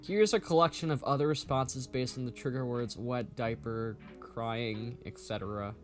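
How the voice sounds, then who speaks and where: A man's voice: medium pitch, moderate pace, soft background music. A man reading through a document aloud and breaking off into frank, incredulous commentary, often swearing. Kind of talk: casual reaction commentary.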